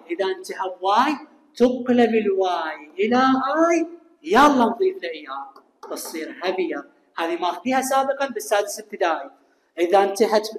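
A man with an Iraqi accent teaching an English lesson. He asks his students questions, answers them himself, and draws out key words slowly. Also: high voice. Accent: Iraqi Arabic. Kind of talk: classroom lesson explanation. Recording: echoey room with long reverb.

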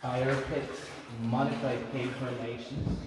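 A man serving as a cave tour guide talks slowly and deliberately, ticking off items in a list. He sounds far from the mic, with a long booming cave echo and loud rushing water. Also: level tone, background noise. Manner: slow, explanatory, listing items. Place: inside a large cave, on a canoe.

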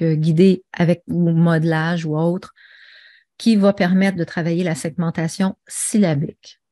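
A woman's voice: lowish voice, mellow. A woman presenting an online teaching webinar, chatty and full of fillers and restarts. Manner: conversational, with many fillers and restarts.

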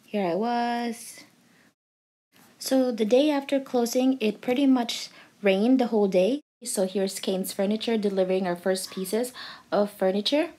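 A woman's voice: a little high, unhurried, warm tone. A young adult woman vlogger giving a cheerful, chatty voice-over for a home video, with frequent ums and uhs.

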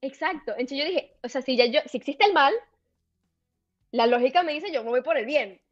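A woman guest on a podcast, telling a personal story in an animated way and filling her talk with "o sea". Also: high voice, moderate pace, dry recording, lo-fi sound. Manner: animated, filler-heavy retelling with many "o sea". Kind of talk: casual storytelling interview.

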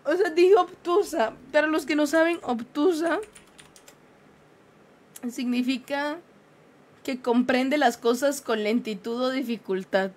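A young woman, a streamer chatting casually with her viewers and telling a story in an animated, self-mocking way. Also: high voice, slow pace, long pauses.

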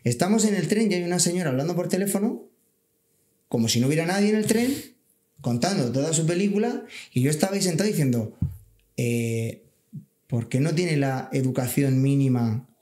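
A man speaks earnestly and a little preachily, talking through everyday examples in a casual podcast chat. His voice sits a bit high. The room around him rings with noticeable echo. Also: big pitch swings, brisk, mellow. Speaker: podcast guest, civil guard officer.

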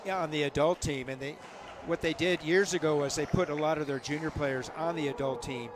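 A man's voice: on the high side, fairly even intonation, brisk, crowd noise. A man giving live sports commentary in a matter-of-fact, informative way, filling in background and spelling out names.

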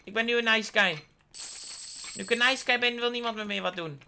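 A woman giving playful game commentary as a gaming YouTuber, excitable, with sudden high squealing outbursts. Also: fairly quick, a little hiss or hum. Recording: clear keyboard typing and clicks.

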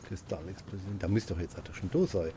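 A man playing a co-op video game, chatting casually with his partner and shouting excitedly at the monster. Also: low voice, brisk, breathy edge. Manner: talks to himself and partner, excitable outbursts, cursing at the monster. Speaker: gamer playing co-op. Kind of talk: casual gaming commentary.

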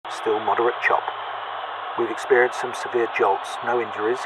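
A man's voice: mid-range voice, little pitch movement, normal speed. A man playing a composed airline pilot with clipped, procedural radio delivery over a very noisy aircraft radio. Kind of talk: radio phraseology role-play.

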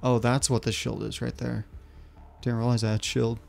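A man's voice: medium pitch, little pitch movement, moderate pace, creaky, a little mellow, faint music behind. A man streaming a video game, thinking aloud and muttering to himself as he plays. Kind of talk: casual gameplay commentary.

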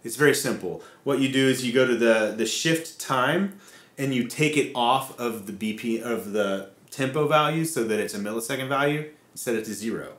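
A man's voice: mid-range voice, normal speed, fairly bright tone, echoey room. A man casually explaining guitar effect settings step by step, with frequent fillers. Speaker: co-host demonstrating guitar effects.

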